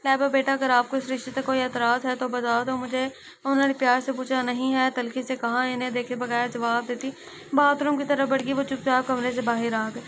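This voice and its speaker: A woman reads a romance novel aloud in a high, level voice that barely rises or falls. She voices every character herself and often stumbles and corrects her words. A faint hiss sits behind the recording. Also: flat delivery, a little fast, a bit bright. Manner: reads all characters in her own voice, with frequent slips and self-corrections. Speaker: narrator reading an Urdu romance novel. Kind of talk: audio novel read-aloud.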